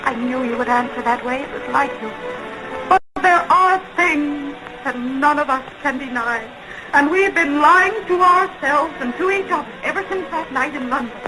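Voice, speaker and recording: A woman playing an anguished, lovelorn woman in an early talkie film melodrama, pleading in halting, drawn-out phrases. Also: high-pitched, close to an everyday voice, poor audio. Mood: wistful reproach. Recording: 1920s film soundtrack with loud music.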